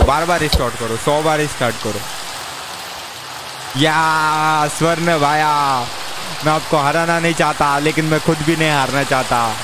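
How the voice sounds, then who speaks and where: A young man talking casually on a live game stream, excitable, joking and pleading with the other players. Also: a little high, background noise. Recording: game music playing behind the voice.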